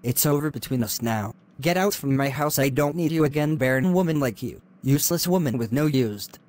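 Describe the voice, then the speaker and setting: A man voicing a harsh, insulting young husband in an animated drama. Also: medium pitch, fairly quick, lightly acted. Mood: angry. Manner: insulting, domineering shouts.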